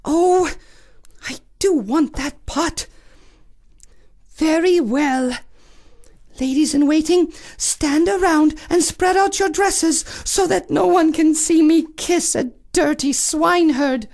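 A woman voicing a haughty, bossy young princess in a told fairy tale, with a shrill, commanding manner. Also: takes it slowly, darkish tone. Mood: reluctant.

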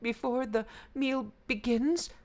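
A woman's voice: on the high side, steady tone, slow, darkish tone, pitched above the performer's own voice. Woman playing a moaning doomed Brahmin. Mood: mournful. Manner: moaning, mournful. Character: sad, doomed, kind old male Brahmin.

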